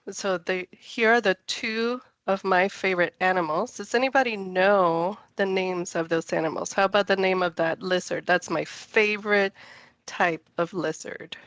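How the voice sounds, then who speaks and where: A woman's voice: medium pitch, a bit bright, dry recording. A woman from Puerto Rico, a scientist giving a friendly, chatty online science talk over a video call. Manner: enthusiastic, chatty, laughs easily. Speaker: NASA project scientist presenter.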